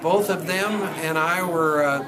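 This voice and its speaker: A man recounting a personal connection at a community forum, halting often with fillers. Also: fairly high pitch. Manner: hesitant, many fillers. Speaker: forum participant. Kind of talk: casual spoken account. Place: large public hall at a community forum. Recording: noisy crowded hall. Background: loud crowd chatter.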